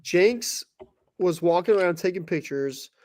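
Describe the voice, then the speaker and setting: A man's voice: high voice, expressive, measured pace, a little mellow, dry recording. A young man co-hosting a live sports stream, blunt and teasing as he tells stories. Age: young adult. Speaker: co-host. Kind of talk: casual banter.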